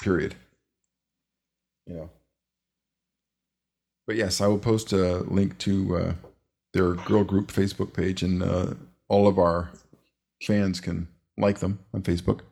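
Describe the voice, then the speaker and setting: A man hosting a casual podcast, talking in a rambling, relaxed way with many fillers. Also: low voice, takes it slowly, gravelly, pauses often. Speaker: podcast host.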